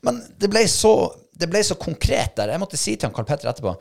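A middle-aged man, telling a hunting-trial story in a casual chat and acting out his own thoughts and shouts. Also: fairly high pitch, very animated, gravelly. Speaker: podcast co-host, hunting dog handler.

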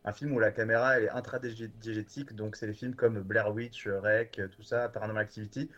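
A man's voice: fairly low pitch, little pitch movement, fairly quick, a bit bright, lo-fi sound. A man chatting casually and enthusiastically, with many fillers and restarts. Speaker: guest from a horror streaming platform. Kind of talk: casual podcast chat.

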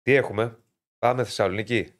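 Male sports podcast host from Greece, lowish voice, chatty, loves a side story. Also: fairly even intonation. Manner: chatty, jokey, loose asides. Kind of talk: casual sports talk.

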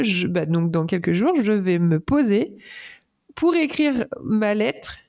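A woman's voice: medium pitch, a little mellow. A young woman hosting a casual solo podcast, speaking with many hesitations and fillers. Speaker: podcast host.

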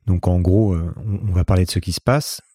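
This forty-year-old podcast host from the Paris region delivers a reflective, conversational solo monologue with a self-effacing manner and a Parisian French accent. His deep, dark voice stays fairly even and moves briskly. The studio-quality audio has no room sound.

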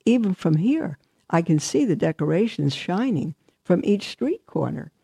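A woman voicing a kindly old tree who speaks sadly and softly. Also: fairly low pitch, sing-song, moderate pace, gravelly, slightly rough, dry recording, full character voice. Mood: sad gentle. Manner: sad, sighing and soft. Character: gentle, sad old tree, male, kindly and humble.

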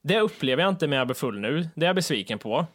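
A man with a Gothenburg Swedish accent and a somewhat high voice, speaking in a dry, deadpan way. He talks deliberately in casual podcast chat. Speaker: podcast co-host.

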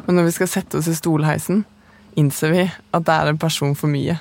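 A woman, the podcast's narrator, telling her own story in calm, measured, scripted first-person narration. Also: deep voice, vocal fry, soft background music.

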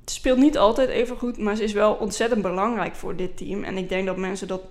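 A woman's voice: medium pitch, level tone, brisk, a little mellow. A woman explaining football tactics at length in a casual podcast discussion. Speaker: women's football pundit.

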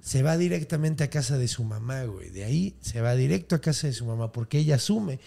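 A man's voice: mid-range voice, animated, quick pace, gravelly, dark tone. A man telling a scary legend as a comedy, full of slang and swearing. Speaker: storytelling podcast host. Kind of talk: comedic storytelling.

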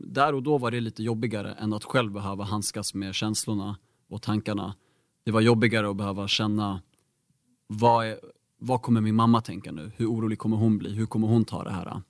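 A young man recounts a personal experience as an interview guest, in a fairly low voice. He speaks candidly and reflectively, often pausing on fillers. The sound is close and dry. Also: no room sound. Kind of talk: personal storytelling in a conversation.

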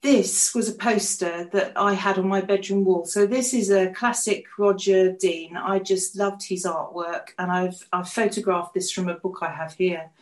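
An older English woman chats away as a podcast co-host, spinning stories and breaking into laughter often. Her voice sits at an ordinary pitch for a woman. The room around her rings with echo. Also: steady tone, normal speed, hardly any pauses. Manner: chatty storyteller, laughs often. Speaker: co-host and artist. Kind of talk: casual podcast chat. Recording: echoey room.

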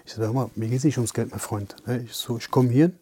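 A man's voice: mid-range voice, fast, slight background noise. A young man, a professional boxer, telling a story in casual chat, acting out the lines of the people in it. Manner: animated, retells scenes with quoted dialogue.

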